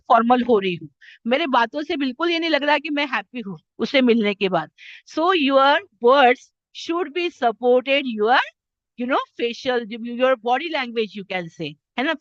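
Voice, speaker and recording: An Indian woman soft skills trainer giving a classroom lecture, mixing Hindi and English and often checking in with "है ना?". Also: sits high, slow pace, no echo, highs cut off. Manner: addresses listeners as "my children".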